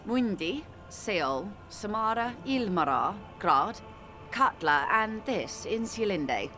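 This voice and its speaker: In dramatic video game dialogue, a woman voices a worldly, composed older character who speaks eloquently and with gentle condescension, calling the listener dear and darling. Her pitch is medium and her intonation lively, yet the mood is grave and measured. Music plays under her voice.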